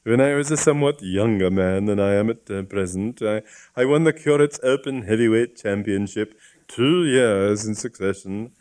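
A man's voice: lowish voice, normal speed, darkish tone, natural voice. A man reading the part of a pompous, genial elderly bishop who speaks in a formal, long-winded way.

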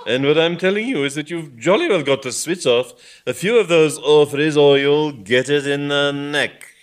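A man voicing a pompous elderly bishop who is jovial one moment and thunders the next, with a booming, organ-like voice. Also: big pitch swings, measured pace, a bit bright. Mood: combative. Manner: booming, organ-like and mock-solemn.

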